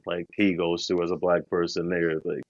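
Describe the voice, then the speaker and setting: A man's voice: sits low, flat delivery, moderate pace, dry recording, highs cut off. A man co-hosting a podcast, telling travel stories in a slangy, laid-back, rambling way. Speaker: podcast co-host. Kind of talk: casual travel storytelling.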